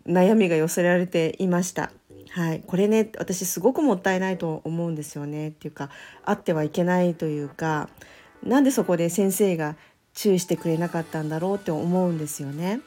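A woman with a low, mellow voice gives a solo podcast talk on pronunciation. She speaks gently and thoughtfully and pauses on small fillers. Soft music plays faintly behind her. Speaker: English pronunciation teacher.

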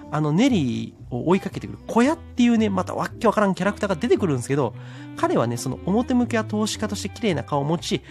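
Guy rambling through a movie review, talks quick, lots of ums, faint music under him. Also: a little high, vocal fry, darkish tone. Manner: rambling, with many fillers. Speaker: podcast film reviewer. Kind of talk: casual solo film review talk.

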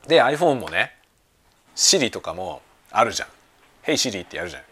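A man hosting a casual chat show, talking in a relaxed, rambling way over lunch at home. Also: fairly low pitch, brisk, husky. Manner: relaxed rambling talk while eating lunch. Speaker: podcast host. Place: home kitchen with everyday sounds. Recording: faint household background noise.

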